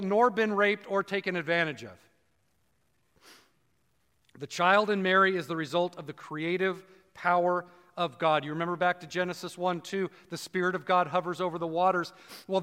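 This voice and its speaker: High-voiced man preaching in a hall. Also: pushed and bright, clean tone. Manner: conversational preaching, drops low and slow for emphasis. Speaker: pastor. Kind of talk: sermon.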